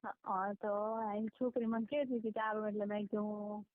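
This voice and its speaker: A young woman, rural Gujarati accent, chats casually on a private call, asking questions and acting out past conversations as back-and-forth quotes. Her mid-range voice shows little pitch movement at normal speed; the muffled, band-limited phone audio has no room sound.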